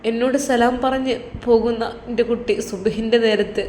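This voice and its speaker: A woman's voice: on the high side, steady tone, moderate pace, darkish tone, close to an everyday voice. A woman voicing an elderly widowed mother who speaks tearfully and tenderly to her son. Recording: roomy with faint background noise.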